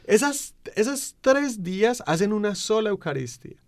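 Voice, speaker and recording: Emphatic preaching man, slightly high voice. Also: very animated. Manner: emphatic, slow build-ups, frequent rhetorical "¿cierto?" tags. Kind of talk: preaching explanation of faith.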